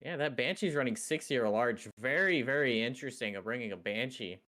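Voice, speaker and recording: A man's voice: mid-range voice, animated, a little fast, bright, forceful tone. A man giving casual, analytical commentary on a live game match as a co-caster.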